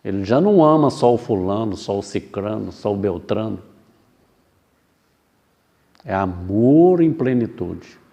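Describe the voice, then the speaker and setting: A man giving a spiritist sermon as a lecturer, reflective and slow, asking rhetorical questions and acting out short dialogues. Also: on the low side, expressive, creaky, mellow, muffled recording. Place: spiritist center hall.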